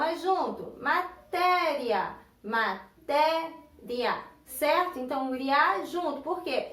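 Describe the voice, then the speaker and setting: A Brazilian woman teaching a grammar lesson in a classroom, patiently breaking words into syllables and repeating them. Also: sits high. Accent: Brazilian Portuguese. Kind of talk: recorded online classroom lesson. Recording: echoey room, voice from a distance.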